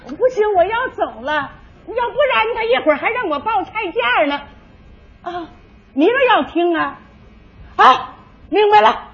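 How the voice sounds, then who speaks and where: An older woman, playing a brash, sharp-tongued old country woman in a stage comedy sketch. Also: extremely high pitch, lively intonation, heavily acted. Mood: grumbling. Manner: brash, quick comebacks, folksy. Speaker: comic sketch actor. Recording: dull lo-fi archive with faint music.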